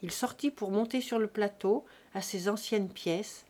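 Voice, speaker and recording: A woman narrating a classic novel as an audiobook reader in a measured, steady way. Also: mid-range voice.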